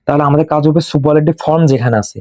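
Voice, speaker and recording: Male grammar tutor, patient rule-drilling delivery, warm low timbre, dead dry room. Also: fairly even intonation, no echo. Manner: slow and drilling, repeats rules for students to memorize. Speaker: English grammar teacher. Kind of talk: classroom lesson.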